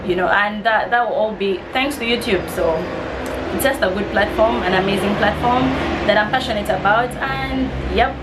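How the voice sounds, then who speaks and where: Heavy background noise surrounds a medium-pitched woman speaking at normal speed, a vlogger around twenty years old from East Africa. She reads get-to-know-me questions aloud with soft laughs and answers them in a friendly, slightly nervous casual Q&A.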